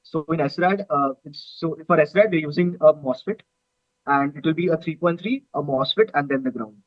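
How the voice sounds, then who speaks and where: A hesitant young man from India explains a technical design, filling pauses with many fillers and sitting a little high in pitch. His volume is uneven, swelling and sinking as it cuts in and out. The audio comes through a dull, muffled, garbled video call. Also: no echo. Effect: uneven volume, cutting in and out. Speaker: student rocket team member.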